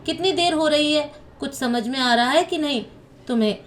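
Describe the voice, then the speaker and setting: A woman's voice: sits high, moderate pace, a little hiss or hum, natural voice. A woman voicing a stern, scolding old mother-in-law who favours one daughter-in-law. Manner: nagging, sharp complaints.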